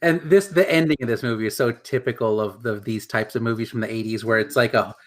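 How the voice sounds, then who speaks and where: A man's voice: mid-range voice, fast. A man co-hosting a movie podcast in casual chat, joking and teasing. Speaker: podcast co-host.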